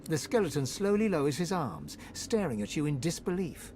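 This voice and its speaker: A man acting as a grave, ominous storyteller, narrating a dark fantasy video game with brooding drama. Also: fairly high pitch, sing-song, moderate pace, a little hiss or hum. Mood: grave, suspenseful.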